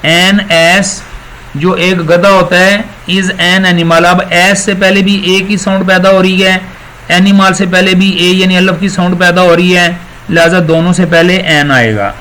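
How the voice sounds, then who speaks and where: A male teacher who explains each point step by step and slows down to repeat key words. His voice sits high and sounds bright and forceful. A faint hiss runs under the recording. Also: steady tone, rough recording. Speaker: English teacher. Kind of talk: recorded classroom lecture.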